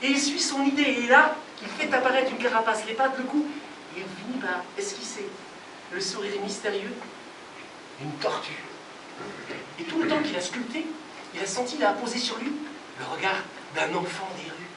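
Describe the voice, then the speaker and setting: High-voiced man telling a folk tale. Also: moderate pace. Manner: expressive, rhythmic, addresses the audience. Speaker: storyteller. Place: live performance venue. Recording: distant roomy live recording, noisy.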